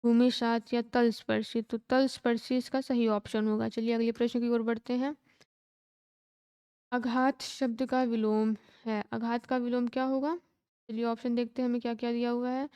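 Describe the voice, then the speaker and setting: A woman teacher running an exam-prep lesson, reading out questions and answer options at a steady, methodical clip. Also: fairly high pitch, smooth, no echo. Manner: steady read-aloud of options, brisk and methodical.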